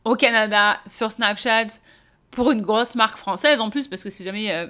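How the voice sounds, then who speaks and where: A woman's voice: medium pitch, moderate pace, bright, forceful tone, smooth. A young French woman chatting casually to camera as a vlogger, talking with many hesitations and frequent laughs. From France. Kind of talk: casual vlog chat.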